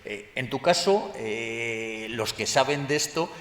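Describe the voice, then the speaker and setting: Halting male panel moderator in a hall. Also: medium pitch, expressive, a bit bright. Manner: hesitant, many fillers and restarts. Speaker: moderator of a round table. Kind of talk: panel discussion. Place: large hall at a book fair. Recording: roomy hall with long reverb.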